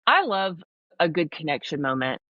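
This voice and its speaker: A woman with a low-sitting voice talks at normal speed in a dry recording with the highs cut off. She's a leadership coach from the American South on a podcast, blunt and emphatic, acting out little scenes in her animated storytelling.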